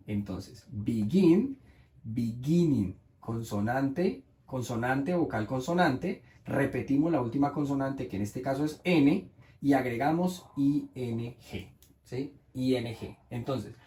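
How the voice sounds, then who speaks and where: Slow, patient male Spanish-speaking teacher. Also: mid-range voice, darkish tone, reverberant. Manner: patient, repeats rules, checks with "¿sí?". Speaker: English teacher. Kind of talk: explaining grammar to Spanish speakers.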